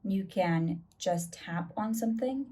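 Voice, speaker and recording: A woman's voice: lowish voice, slow pace. Woman casually walking through an app. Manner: relaxed, chatty explaining with fillers. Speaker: tutorial host. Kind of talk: casual screen tutorial.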